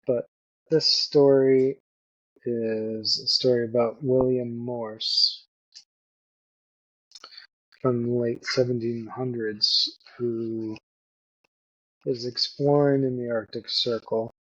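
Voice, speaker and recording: A middle-aged man hosting a solo podcast, talking haltingly with fillers. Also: mid-range voice, level tone, a bit bright, no echo, muffled recording. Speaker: podcast host.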